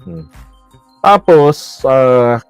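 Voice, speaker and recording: A man's voice: medium pitch, sing-song, drawn-out words, smooth, no echo, faint music behind. A man giving blunt, mocking political commentary in a casual livestream, laughing often and using many fillers.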